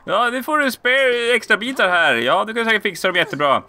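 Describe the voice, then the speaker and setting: A man voicing a friendly, cheerful game villager in a high, drawn-out, sing-song voice. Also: expressive, pushed and bright, full character voice. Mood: cheery.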